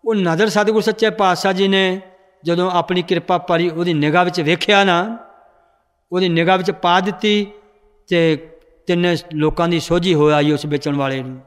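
A man's voice: high voice, steady tone, normal speed, clean tone. A man teaching a scripture lesson, telling a story and explaining verses to his students, in a reverberant hall. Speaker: religious teacher.

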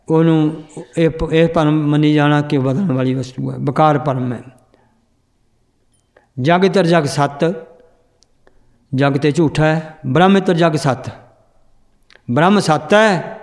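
Male scripture teacher, slightly high voice, patient, drills pronunciation and chants verses.

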